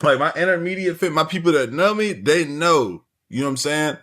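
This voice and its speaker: A man's voice: fairly high pitch, expressive, brisk, a bit bright. A man streaming and reacting to a video, talking in a loose, rambling, slang-heavy casual way. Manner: slangy, loose and rambling, lots of "you feel me". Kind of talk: casual chat.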